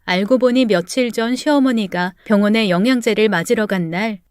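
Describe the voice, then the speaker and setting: A woman narrating a true family story in a steady, plain storytelling tone. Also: mid-range voice, moderate pace, clear, resonant tone, no echo, studio quality.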